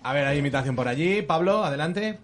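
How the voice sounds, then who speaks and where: Fast, lively teasing male host. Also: a little high, slight background noise. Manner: teasing, quick, laughing, docking points. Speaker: podcast host. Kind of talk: game show hosting, casual chat.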